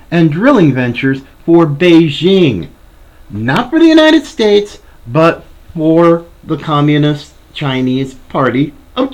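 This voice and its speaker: A man hosting a political commentary show, addressing listeners with a ringmaster's showmanship. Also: on the high side. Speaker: talk show host.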